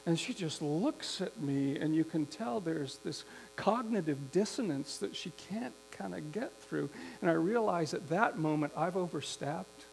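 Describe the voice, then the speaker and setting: A man preaching a sermon, telling a story slowly and reflectively with some restarts. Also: a little high, animated, vocal fry, a little mellow, poor audio. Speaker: pastor. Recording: faint mains hum.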